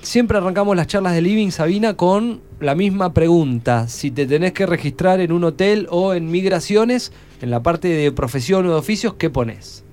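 An Argentine man hosting a radio interview, asking questions in a relaxed, conversational way. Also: sits high, moderate pace. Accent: Argentine Spanish. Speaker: radio host.

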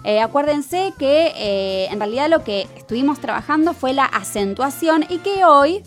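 An Argentine woman teaches a broadcast lesson in a fairly high voice. She explains patiently and step by step, checking in often with her listeners. Faint music plays underneath. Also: lively intonation, moderate pace. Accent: Argentine Spanish.

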